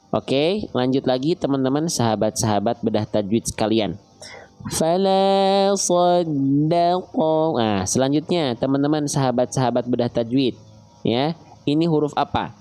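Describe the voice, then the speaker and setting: A man teaching Quran recitation online, slowly repeating and drawing out recited phrases and asking his listeners questions. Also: medium pitch, darkish tone. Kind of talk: online tajwid lesson.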